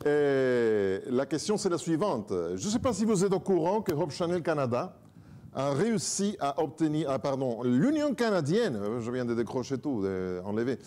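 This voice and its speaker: A man's voice: mid-range voice, moderate pace. A man, a native Spanish speaker, giving a church talk as guest preacher in a joking, self-mocking way. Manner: joking, self-mocking, lively, moves a lot.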